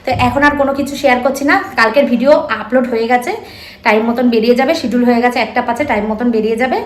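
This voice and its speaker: A woman's voice: on the high side, fairly even intonation, racing, slight background noise. A middle-aged woman from West Bengal with a Kolkata Bengali accent, chatting casually to her viewers in a home vlog from her kitchen, repeating herself often. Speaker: vlogger.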